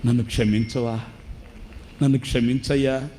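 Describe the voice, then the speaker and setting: A man's voice: mid-range voice, level tone, normal speed, warm tone, slight background noise, natural voice. A man voicing a starving elderly retired man who weeps and begs for food in a trembling voice. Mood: tearful pleading. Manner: weeping, begging, trembling voice.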